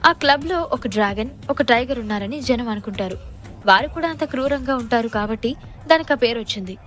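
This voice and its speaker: Woman, narrator, scripted audio drama, dramatic storytelling, higher voice. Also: expressive, brisk.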